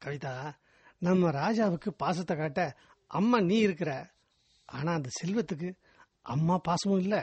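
A man playing a gentle husky-voiced family driver. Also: high-pitched, animated, unhurried, pauses often, dry recording, dull audio, full character voice. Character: kind gentle family driver, patient husband. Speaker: driver, husband.

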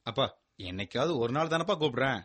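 A man playing a fast-talking, sulky young student. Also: mid-range voice, lively intonation, a bit bright. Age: young adult. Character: lonely, sulky young college student son. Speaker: student son.

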